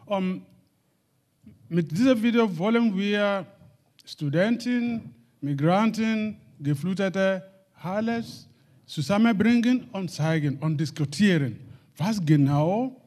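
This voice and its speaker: Male panelist from Nigeria, unhurried and hesitant, many fillers. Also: high voice, animated, darkish tone. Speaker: panel speaker, association co-founder. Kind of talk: spoken panel contribution.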